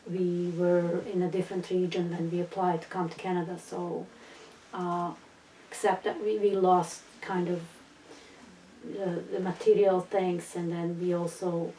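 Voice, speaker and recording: A middle-aged woman from Bosnia, speaking as a second-language English speaker, telling her personal story in an interview with many pauses, fillers and restarts. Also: fairly low pitch, level tone, mellow, slight background noise. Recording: roomy, distant mic, faint ambience.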